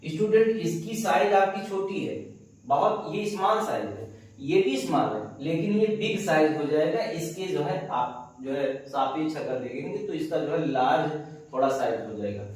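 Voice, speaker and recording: A man's voice: fairly high pitch, animated, darkish tone. Echoey male teacher, far from the mic. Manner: repeats key words, asks and answers his own questions; slow, dictating phrase by phrase. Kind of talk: classroom chemistry lecture.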